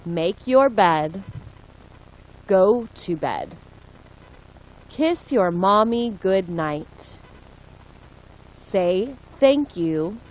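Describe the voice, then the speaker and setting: A woman reading short English phrases aloud for learners, clear and deliberate, one phrase at a time. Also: medium pitch, lively intonation, poor audio. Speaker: English lesson reader. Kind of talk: slow read-aloud for learners.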